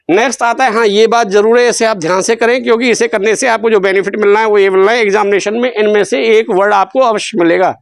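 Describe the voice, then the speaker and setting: A man from India, an English teacher, gives a spelling lesson in Hindi, turning his questions back on the students and elongating syllables. The recording is dry, and his high-sitting voice has a clean tone.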